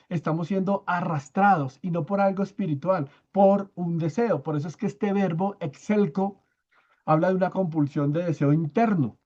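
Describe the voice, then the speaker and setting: A high-voiced man with a darkish tone leads a church Bible study, breaking ideas down step by step. He keeps checking in with the people listening and repeats key words slowly for emphasis. His own microphone picks him up, though the highs are cut off.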